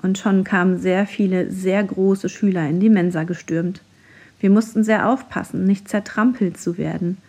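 A woman narrating a children's story in the first person, steady and unhurried. Her voice sits at a middle pitch with a soft, husky breathiness. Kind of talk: reading a children's story aloud.

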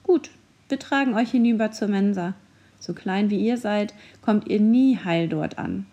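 A woman voicing a kindly owl mascot in a children's audiobook, speaking calmly and reassuringly. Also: medium pitch, a little slow, muffled recording, close to an everyday voice. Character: kindly wise owl, helpful school mascot.

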